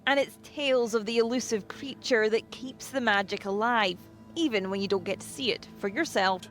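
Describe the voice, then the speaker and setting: A woman's voice: on the high side, moderate pace, a bit bright, soft background music. A woman reading scripted narration for a news feature. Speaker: news reporter.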